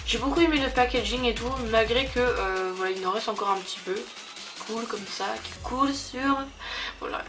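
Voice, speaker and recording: A woman's voice: on the high side, normal speed, music in the background. Hesitant young woman reviewing beauty products. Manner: hesitant, many fillers and restarts. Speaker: beauty vlogger. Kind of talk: casual product review chat.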